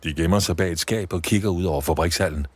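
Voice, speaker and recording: A man reading a Christmas story for children, with expressive storybook narration. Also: low voice, slightly rough, no echo.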